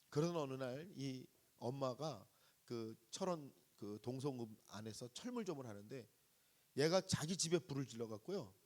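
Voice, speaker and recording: A man's voice: mid-range voice, a little mellow. A middle-aged man preaching a sermon, telling a story and asking the congregation questions, acting out the voices of the people in it. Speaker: guest pastor preaching at a revival service.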